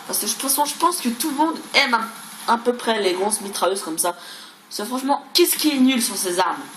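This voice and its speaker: A woman who makes gaming videos gives casual, rambling gameplay commentary, stammering, repeating words and swearing mildly. Her voice is a little high and fairly bright, with lively intonation and a brisk pace, recorded with roomy echo and clearly noisy background.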